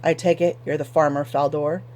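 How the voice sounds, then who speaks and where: A woman's voice: low-pitched, level tone, brisk, a little mellow, voice pushed down, natural voice. A woman voicing a cold, scarred foreign merchant who speaks curtly with a heavy accent. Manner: curt, cold. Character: cold, scar-faced foreign male merchant.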